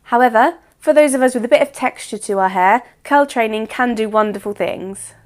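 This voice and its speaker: A woman with a croaky voice, chatting to camera in an instructive hair-care vlog. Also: fairly high pitch, brisk. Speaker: hair vlogger. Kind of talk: explanatory beauty vlog talk.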